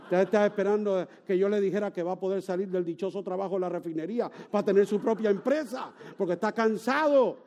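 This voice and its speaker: A man preaching a sermon, emphatic and swinging up into shouts. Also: sits high, fast, few pauses.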